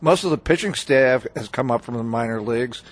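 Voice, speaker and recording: A baseball writer, a man with an ordinary mid-range voice, guests on a radio talk show and chats casually at a brisk pace. He rambles at length, restarting sentences often and filling pauses with "uh" and "you know."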